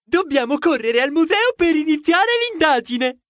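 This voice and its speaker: In a children's audio story, a woman voices a cheeky little male mouse detective, pitched very high, with lively intonation at normal speed and a slightly bright tone. Indignant and bossy, he teases, keeps exclaiming and scolds his friend. The recording is dry and close.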